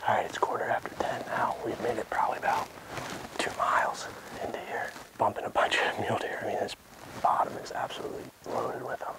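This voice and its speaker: A man's voice: medium pitch, flat delivery, a little fast, vocal fry, rough recording. Whispering man on a wildlife stalk. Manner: whispers as if trying not to be heard by animals. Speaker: bowhunter filming his hunt. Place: outdoors in open hilly country.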